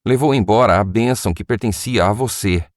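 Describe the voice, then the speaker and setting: A man's voice: lowish voice, no echo, studio quality, voice pushed up, natural voice. Old Isaac, as a man reads him, solemn and grave. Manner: solemn, measured.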